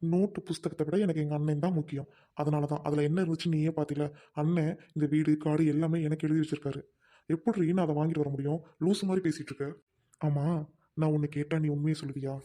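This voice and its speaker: A man's voice: on the high side, steady tone, fast talker, warm tone, natural voice. A man playing an earnest young husband who questions then apologizes to his wife, in a family web drama. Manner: earnest, apologetic, mixing in English words.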